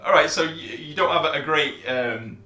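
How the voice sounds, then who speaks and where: A man narrating as dungeon master, relaxed and hesitant with many fillers. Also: on the high side, moderate pace, echoey room. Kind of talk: narrating a tabletop game.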